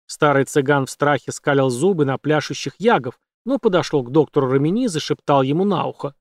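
A man reading an audiobook in steady, measured scripted narration. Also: on the high side, no room sound, studio quality. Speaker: audiobook reader.

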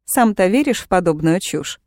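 A woman's voice: fairly low pitch, lively intonation, normal speed, a little mellow, no room sound, studio quality, lightly acted. A woman voicing a defiant young witch in chains, speaking with cool, mocking sarcasm. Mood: sarcastic.

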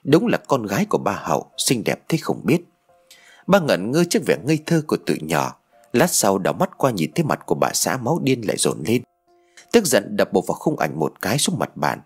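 A man tells an audio story with expressive narration. His lowish voice moves animatedly through its range and carries a husky edge. Soft music plays in the background. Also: fairly quick.

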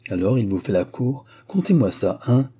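A man's voice: medium pitch, sing-song, moderate pace, dark tone, breathy edge. A man reading the part of a smug, married middle-aged notary who presses his suit with cajoling questions. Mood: wheedling.

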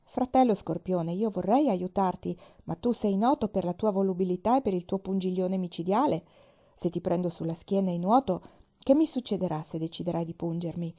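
A woman voicing a kind, trusting male toad from a fable, who speaks slowly and politely. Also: on the low side, mellow, lo-fi sound. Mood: cautious.

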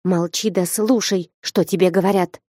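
A woman voicing a bold, sharp-tongued young woman who scolds and commands, in a read-aloud story. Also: steady tone, moderate pace, no room sound, clean studio sound, close to an everyday voice. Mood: scolding. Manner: scolding, commanding, rising to high pitch. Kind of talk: audiobook character reading.

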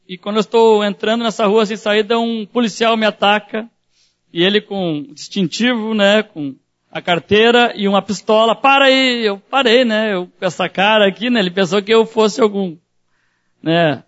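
A man's voice: high voice, moderate pace, dull audio. A man preaching as a pastor, telling a personal story in a sermon and acting out the voices in it.

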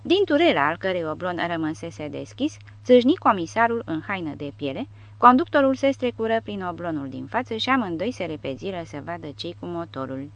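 A woman's voice: lowish voice, big pitch swings. A woman narrating an audiobook, reading expressively and voicing the dialogue. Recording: dull, dry lo-fi recording.

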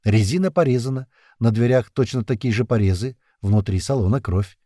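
A man narrating a first-person thriller audiobook in an expressive, tense way. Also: mid-range voice, fairly quick, no room sound, studio quality.

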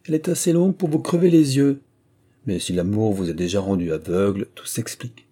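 A man's voice: on the low side, animated, fairly quick, warm tone, husky. A man voicing a self-assured young woman who teases in a playful, mock-stern way, reading from a storybook.

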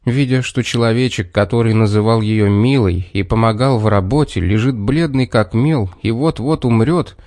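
A man narrating a children's storybook in a measured, expressive reading. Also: fairly low pitch, no echo, clean studio sound.

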